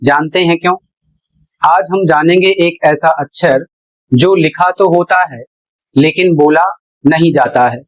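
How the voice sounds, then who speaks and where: A man's voice: a little high, unhurried, pauses often, rough recording. A man teaching as an English pronunciation teacher, explaining patiently step by step and spelling words out letter by letter. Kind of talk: explanatory lesson.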